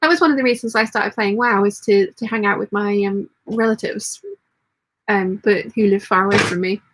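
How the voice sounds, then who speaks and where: A woman hosting a casual live sewing hangout, talking through her work and chatting along, with a slightly husky voice. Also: mid-range voice, moderate pace, fairly bright tone, a little hiss or hum, rough recording. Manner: muttering commentary while working; reads chat messages aloud. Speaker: sewing livestream host.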